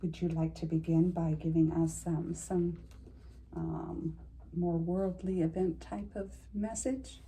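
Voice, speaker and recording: A woman's voice: on the low side, level tone, takes it slowly, warm tone, rough recording. A woman hosting a group session, politely prompting and welcoming. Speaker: host of the channeling session.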